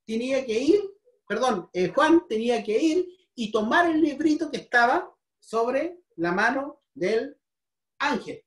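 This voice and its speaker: A woman with a Chilean Spanish accent teaches a Bible lesson in a church hall, her fairly high voice animated and unhurried. She asks the congregation questions and often repeats herself, and the recording is roomy and distant.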